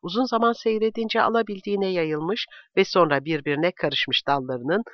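A man reading a novel aloud as narrator in a steady, measured way. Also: high voice, no echo. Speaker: audiobook reader. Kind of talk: scripted narration. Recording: dull, dry recording.

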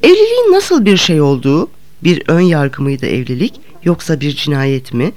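A woman narrating a literary audiobook in a measured storytelling manner. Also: low voice, very animated, darkish tone.

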